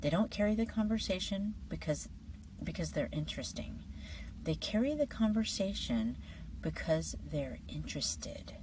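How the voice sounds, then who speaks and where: A woman teaching an English lesson in a friendly scripted style, lively and dropping now and then to soft whispered asides. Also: on the low side, moderate pace, far from the mic, background noise.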